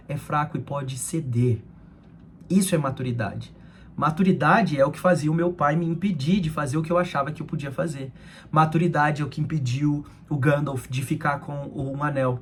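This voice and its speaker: A man's voice: fairly high pitch, slight background noise. A young man giving a conversational devotional talk, addressing his listeners as friends.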